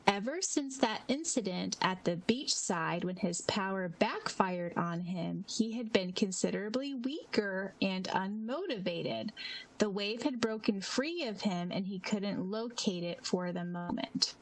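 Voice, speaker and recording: A woman's voice: medium pitch, animated, measured pace, poor audio. Woman, podcast co-host, casual chat, giggly, reads quotes aloud, faint background noise. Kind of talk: casual podcast chat reading listener comments.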